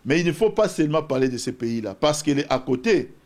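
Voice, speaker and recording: A man with a Congolese accent, from Bas-Congo in DR Congo, pushes his argument as a political guest in a debate and draws on scripture. He talks a little fast in a voice on the high side, in an animated, argumentative manner.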